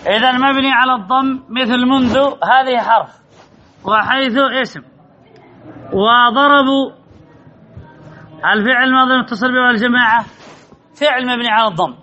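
High bright male grammar teacher, lo-fi. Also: moderate pace, pauses often, soft background music. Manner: quizzes the class, repeats key points. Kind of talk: classroom lesson with student questions.

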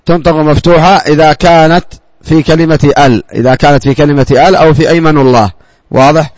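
Man, teacher, fairly high voice, quizzes the class, repeats key words, dry close sound. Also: fairly even intonation, fast talker, darkish tone, no room sound. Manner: asks the class questions and answers them himself. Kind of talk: classroom grammar lesson.

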